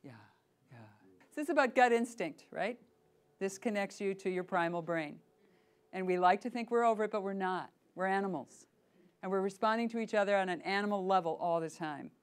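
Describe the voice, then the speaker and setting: A woman's voice: mid-range voice, fairly quick, clear, resonant tone. Playful woman leading a voice workshop. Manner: lively, playful, demonstrates voices, asks the group questions. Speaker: voice workshop teacher. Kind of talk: workshop teaching.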